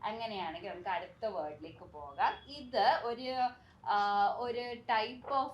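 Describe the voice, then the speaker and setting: A young woman from Kerala hosting a bilingual language lesson, teaching English pronunciation and repeating words slowly and carefully to model them. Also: mid-range voice, animated, muffled recording.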